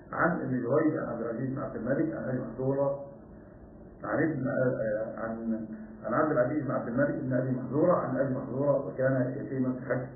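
A man teaching a religious lesson on hadith, clearing his throat often and chanting phrases slowly to demonstrate. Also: medium pitch, slight background noise. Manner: frequent throat clearing and fillers. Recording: echoey, distant, phone-like lo-fi audio.

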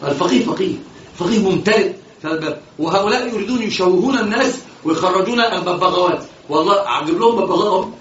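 A man with an Egyptian accent gives a religious lesson, mixing colloquial and classical Arabic, animated and repeating phrases for emphasis. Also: high voice, very fast, reverberant, dull audio, a little hiss or hum. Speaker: Islamic preacher.

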